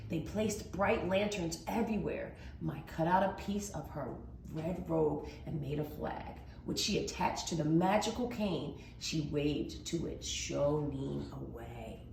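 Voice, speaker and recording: Reading a children's storybook like a teacher, this woman speaks in a slightly mellow voice that sits on the low side. She stretches words out for emphasis in a dramatic style, and the recording carries a roomy echo over faint background noise.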